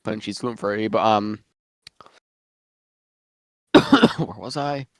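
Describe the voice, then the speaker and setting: A man's voice: fairly low pitch, slow pace, dry recording, clean studio sound. A man chatting casually about fictional lore, rambling with lots of fillers and restarts while eating, so he sounds slightly muffled. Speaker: guest worldbuilder.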